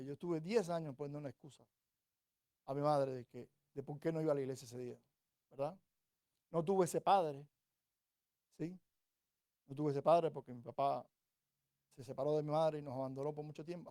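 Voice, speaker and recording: A man from Cuba delivers a sermon in a mellow, dark voice with a touch of height to it. He talks to his listeners conversationally and keeps checking in with them, then slows and swells when he reads scripture. The sound is dry and close. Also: a little high, no echo. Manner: conversational, rhetorical "¿cierto?" checks; builds to louder, slower emphasis on scripture. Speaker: preacher.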